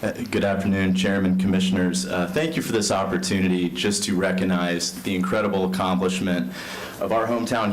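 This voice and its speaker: A deep-voiced man gives earnest, formal remarks to a county board, dotted with uh fillers. The speech sits over a faint hum of background noise. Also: rough recording. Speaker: county sports and tourism director. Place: county commission chamber.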